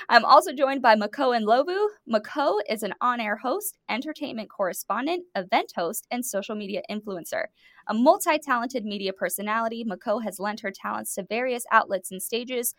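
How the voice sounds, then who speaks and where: Woman, podcast host, enthusiastic, scripted intro reading, somewhat high voice, dry close sound. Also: a bit bright, dry recording. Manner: enthusiastic, reads guest bios with emphasis. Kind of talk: scripted introduction then interview.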